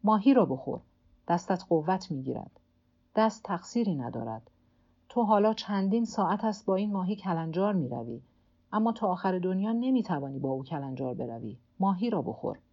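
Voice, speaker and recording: A woman's voice: on the low side, big pitch swings, dark tone, dull audio. A woman voicing a weary old male fisherman alone at sea, who mutters stubbornly to himself and to his cramped hand in an audiobook. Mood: muttering to himself. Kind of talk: audiobook character voice.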